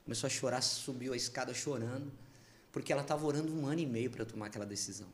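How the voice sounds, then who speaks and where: A Brazilian Portuguese-speaking man, a pastor, sharing a personal testimony in an animated, emotional storytelling way as a podcast guest. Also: mid-range voice, very fast, a little hiss or hum.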